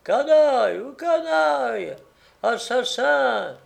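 A shrill, sour woman shrieks insults from the back of the house, as a male storyteller puts her on. Her voice jumps far above his usual register and sounds set back from the listener. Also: takes it slowly, fairly bright tone, heavily acted. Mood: furious. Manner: screeching insults.

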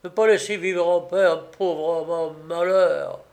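A gruff old woodsman spits out defiant threats, as a male narrator plays him, loud and raised above his calm reading voice. His lines come out quick and hard. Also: a little high. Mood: furious. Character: gruff, furious poor old Polish woodsman.

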